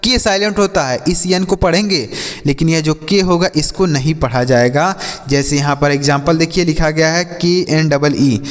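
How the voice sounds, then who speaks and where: A man's voice: fairly high pitch, long reverb tail. Man teaching, spelling words aloud. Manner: spells words letter by letter and answers his own questions; addresses viewers as friends. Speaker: English teacher. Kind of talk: classroom-style lesson.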